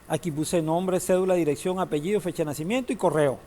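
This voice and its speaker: A man's voice: fairly high pitch, quick pace, warm tone, a little hiss or hum. A man teaching a database class, lecturing in a classroom, asking students questions and joking now and then. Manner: asks the class questions, uses humor.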